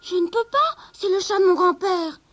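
A woman voicing a young servant girl in a storybook, high-pitched and pleading. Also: lively intonation, moderate pace, fairly bright tone. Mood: anxious.

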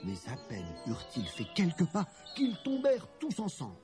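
A man narrating a children's storybook with an expressive, animated reading. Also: high voice, normal speed. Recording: background music.

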